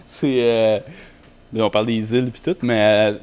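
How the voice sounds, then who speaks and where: A man's voice: fairly low pitch, flat delivery, moderate pace, darkish tone, clean tone. Chatty man hosting a podcast. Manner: laughs easily, short prompting questions. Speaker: podcast host. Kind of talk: casual interview chat.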